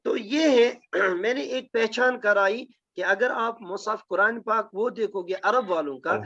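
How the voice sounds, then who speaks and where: In a dull, lo-fi recording, a male Quranic Arabic grammar teacher with a high-pitched, sharp voice leads a classroom lesson with recitation. He explains step by step while repeatedly checking in with his students.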